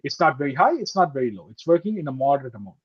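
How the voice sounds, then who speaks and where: A man's voice: mid-range voice, very animated, rapid-fire, slightly rough. A man teaching a live online computer class over a video call. He explains step by step and keeps checking in with "okay?" and "right?". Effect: heard over a video call. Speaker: computer course instructor. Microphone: laptop or headset mic on a video call. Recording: muffled video call audio.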